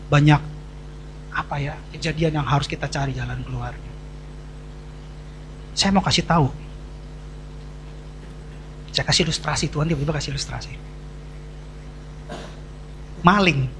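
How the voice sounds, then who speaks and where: Bright, animated church preacher. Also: medium pitch, slight background noise. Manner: animated, asks the congregation questions, tells humorous everyday stories. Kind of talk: lively sermon to a congregation. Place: church service.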